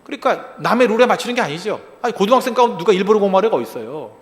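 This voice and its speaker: A male pastor delivering an animated sermon, firing rhetorical questions at the congregation and acting out short quoted lines. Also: sits high, very fast. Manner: acts out short quoted lines in other voices. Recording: long reverb of a large hall.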